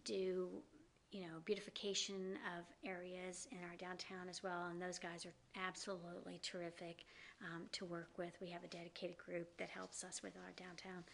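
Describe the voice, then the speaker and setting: A middle-aged woman from the American South, speaking with a slight Southern accent, is an interview guest who runs a downtown organization as its executive director. Her gravelly, lowish voice stays completely flat at a normal speed as she answers earnestly, filling her replies with plenty of ums and you-knows. There's slight background noise.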